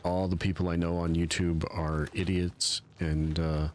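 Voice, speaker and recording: A man's voice: sits low, level tone, unhurried, noisy background. A man streaming a game live, rambling in a self-mocking way and chatting with his viewers. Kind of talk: casual live-stream commentary.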